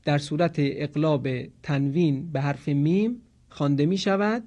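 A man teaching Quran recitation rules in a lesson, explaining calmly and reciting examples slowly. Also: fairly high pitch.

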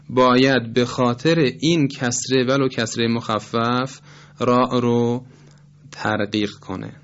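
A man teaching Quran recitation rules in a formal lecture, explaining in a measured, polite way and slowing down to demonstrate words. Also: medium pitch, dull audio.

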